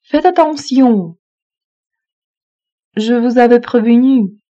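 A woman reads phrases aloud slowly, repeating each one evenly. Her voice is mellow and a little high. The recording sounds dull and lo-fi. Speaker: French phrase reader. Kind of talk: slow repeated phrasebook reading.

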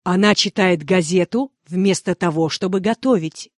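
A woman repeating example sentences calmly and carefully for a language course. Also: lowish voice, moderate pace, no echo, clean studio sound. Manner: calm, careful enunciation. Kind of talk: scripted phrase reading.

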